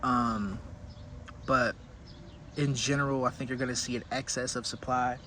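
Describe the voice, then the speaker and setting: Male host, mid-pitched voice, informal opinionated commentary, thinking aloud, clearly noisy recording. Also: steady tone, moderate pace, bright, forceful tone. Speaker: whiskey review host. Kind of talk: casual solo commentary.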